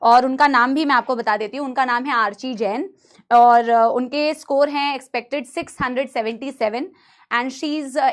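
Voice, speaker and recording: A woman teacher talking casually and fondly to her students in a live online class, speaking through a laptop. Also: on the high side. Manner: chatty, addresses students fondly.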